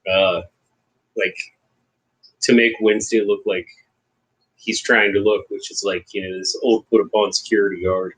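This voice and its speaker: A man co-hosting a casual livestream discussion over a video call, relaxed and conversational. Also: on the low side, moderate pace, long pauses, slightly rough, poor audio. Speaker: co-host.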